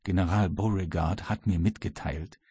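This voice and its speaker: A male audiobook reader voicing a worried but resolute ship captain, with a husky voice. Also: low-pitched, fairly even intonation, normal speed, dark tone, no room sound. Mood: earnest. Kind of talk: audiobook reading.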